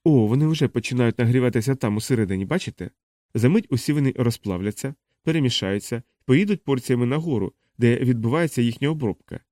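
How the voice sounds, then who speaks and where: A calm, curious expedition doctor explains what he has worked out in a steady, mellow voice, read by a man narrating an audiobook. The sound is dry and close. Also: mid-range voice, fast talker, dry recording, natural voice.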